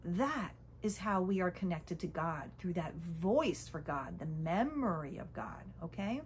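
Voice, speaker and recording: A woman giving a casual spiritual teaching talk, conversational, often checking in with "okay?" and "right?" and sometimes dropping to a soft whisper. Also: lowish voice, lively intonation, unhurried, slight background noise. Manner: drops to a soft whisper at times.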